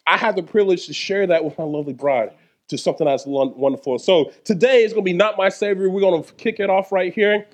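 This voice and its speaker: A male pastor with a high voice preaches quickly during a church service. His sermon is playful and full of jokes, and he calls out to the congregation.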